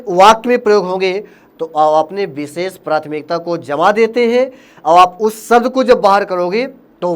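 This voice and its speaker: Male Hindi grammar tutor with a high voice and a Hindi accent, running a quiz-style exam drill. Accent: Hindi, Uttar Pradesh. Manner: explains by asking quiz questions, then answers them himself, calls listeners friend. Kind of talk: exam-prep lesson.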